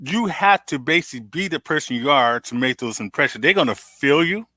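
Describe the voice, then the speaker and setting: Affirming male host with a bright, dry voice. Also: fairly high pitch, animated, brisk, no echo. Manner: affirming, conversational. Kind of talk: interview conversation.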